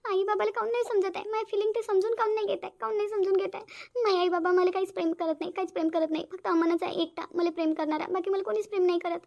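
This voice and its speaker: Brief: whiny lovesick cartoon teen girl, voiced by a woman, high and quick. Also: steady tone, creaky, darkish tone, muffled recording. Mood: pleading. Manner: pleading, repetitive whining. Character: lovesick teenage girl, stubborn and tearful. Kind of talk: cartoon voice acting.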